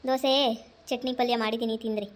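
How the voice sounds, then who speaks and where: A woman's voice: fairly high pitch, little pitch movement, fairly quick, lightly acted. An actress playing a worried young wife, pleading and insistent as she urges her husband to eat. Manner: pleading, insistent, repeating herself. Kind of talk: amateur family drama skit.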